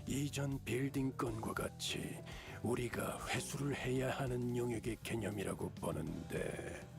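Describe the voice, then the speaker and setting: A man's voice: medium pitch, rapid-fire, vocal fry, natural voice. A man acting a stern, weary company guide in dramatic video game dialogue. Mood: stern, disapproving. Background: loud game music.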